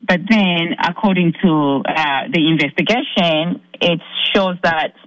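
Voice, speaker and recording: Caller from Zambia, a woman telling her ordeal in earnest halting bursts, dull dry line. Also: lowish voice, fairly bright tone, no room sound. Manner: earnest, halting, many restarts. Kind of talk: recounting a personal ordeal on a call-in show.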